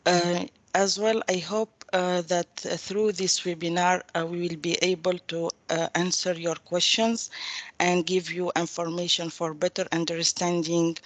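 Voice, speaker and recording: Female procurement coordinator, flat steady delivery, dry sound, filler words. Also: lowish voice, no echo. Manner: steady, fillers between phrases. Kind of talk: presenting a webinar.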